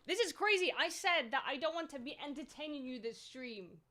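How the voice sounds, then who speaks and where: A young woman streaming live, chatting casually with viewers, excitable and swearing freely as she thanks them. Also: high-pitched, brisk.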